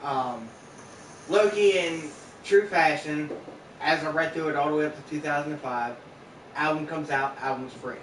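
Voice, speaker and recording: A man's voice: fairly high pitch, fairly even intonation, moderate pace, fairly bright tone. Blunt laid-back male co-host, distant mic. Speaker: podcast co-host. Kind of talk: casual podcast chat. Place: home room. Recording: roomy sound, distant mic, faint noise.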